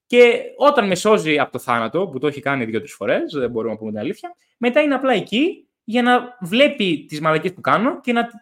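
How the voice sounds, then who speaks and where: A young man chats casually on his podcast and acts out his stories with lots of animation. His voice sits a little high, and he swears freely. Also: big pitch swings, few pauses, a bit bright. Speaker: podcast host.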